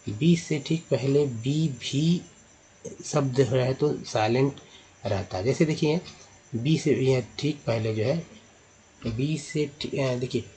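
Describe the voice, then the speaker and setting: A man's voice: mid-range voice, mellow, slight background noise. Man teaching English in Hindi. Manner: repeats words, corrects himself mid-sentence. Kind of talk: explanatory lesson.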